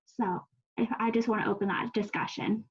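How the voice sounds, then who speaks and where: A woman's voice: medium pitch, fairly even intonation, brisk, husky. A woman moderating a panel discussion, inviting speakers to share. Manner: encouraging, inviting questions. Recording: dull lo-fi sound.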